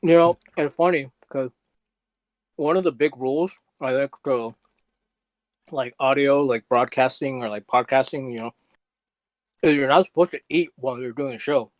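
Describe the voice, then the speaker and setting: Man, podcast co-host, deadpan and rambling, dry close mic, mid pitch. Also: normal speed, pauses often, no room sound. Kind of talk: casual podcast chat.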